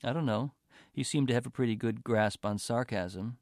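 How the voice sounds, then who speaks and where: A man's voice: mid-range voice, normal speed, gravelly, darkish tone, no room sound, clean studio sound, lightly acted. A man voicing a resentful young male college athlete who turns sarcastic and bitter in a story reading.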